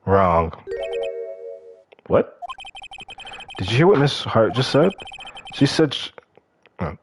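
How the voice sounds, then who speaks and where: A man voicing his way through a story game, switching between reading the hero's lines and tossing in casual remarks of his own. His pitch is middling but swings widely, and faint game music plays underneath. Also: slow. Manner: animated, casual asides. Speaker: streamer. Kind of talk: game playthrough with voiced reading.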